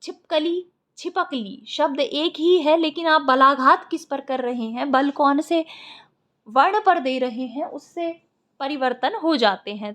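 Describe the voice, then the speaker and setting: High-voiced woman teaching a lecture. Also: a bit bright. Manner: explains step by step, repeats key points. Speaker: Sanskrit teacher. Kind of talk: exam-prep lecture.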